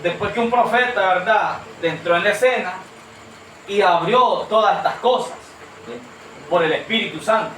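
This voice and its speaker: A man's voice: sits high, moderate pace, a bit bright, a little hiss or hum. A man preaching a sermon to a congregation, earnest and questioning, calling them brother. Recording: echoey room from far off.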